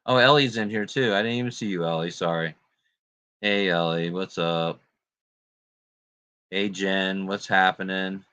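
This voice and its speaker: Low-voiced guy hosting a chill livestream, laughing and rambling, dry close sound. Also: steady tone, a little slow, pauses often, bright, forceful tone, clean tone, no echo. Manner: laid-back, lots of fillers and laughs. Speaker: livestream host. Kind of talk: casual livestream chat.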